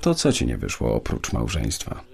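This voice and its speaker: A man's voice: a bass voice, wildly swooping pitch, moderate pace, vocal fry, darkish tone, breathy edge, exaggerated voice. An actor in a radio play voicing a wealthy, lonely middle-aged businessman who speaks in a dry, reserved way. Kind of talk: radio drama acting.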